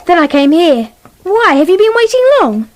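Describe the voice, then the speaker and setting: A woman's voice: extremely high pitch, very animated, normal speed. A British woman playing a prim, cheeky little girl in a comic radio play, with stagey sweetness. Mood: chatty.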